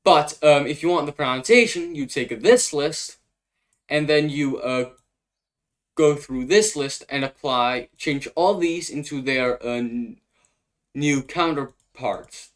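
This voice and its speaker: This young Danish man takes it slowly, his voice pitched on the high side and colored by his native accent. Explaining his invented language in a relaxed way, he thinks out loud and hesitates while translating on the spot.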